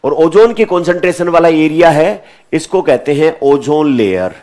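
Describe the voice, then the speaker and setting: A man with a somewhat high voice gives a classroom lecture. He keeps asking questions and answering them himself, and he repeats each key term more than once. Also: expressive, normal speed, mellow. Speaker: teacher.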